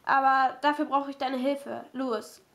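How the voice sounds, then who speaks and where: A woman voicing a calm, caring teenage boy in a storybook reading, in a lower, steady tone. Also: a little slow.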